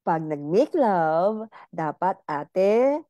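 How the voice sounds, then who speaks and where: A woman's voice: fairly low pitch, very animated, very slow, mellow, no echo, muffled recording. A middle-aged woman doctor giving a casual, playful health lecture, teasing her listeners and speaking to them directly.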